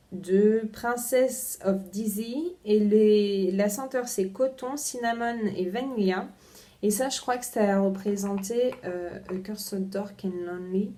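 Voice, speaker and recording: A woman's voice: medium pitch, dark tone. A young woman chatting casually as she unboxes a book subscription box, talking to her front-facing camera with many hesitations and repeated words. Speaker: book vlogger.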